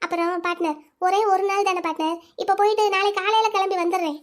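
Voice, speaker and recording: Young wife in a cartoon story, gentle, coaxing, rapid delivery; a woman voices her. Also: very high voice, fairly even intonation. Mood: pleading. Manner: coaxing, questioning.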